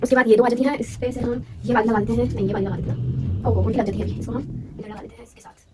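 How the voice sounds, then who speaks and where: Fast-talking young woman thinking aloud. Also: fairly high pitch, steady tone, background noise. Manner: thinks aloud, self-correcting. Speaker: vlogger. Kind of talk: casual narration while decorating.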